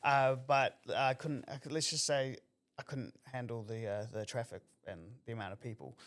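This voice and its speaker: A man's voice: medium pitch, fairly even intonation, normal speed, a bit bright. A man with a New Zealand accent hosting an interview, asking long, rambling questions in a chatty way. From Auckland, New Zealand. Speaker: podcast host. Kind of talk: casual interview.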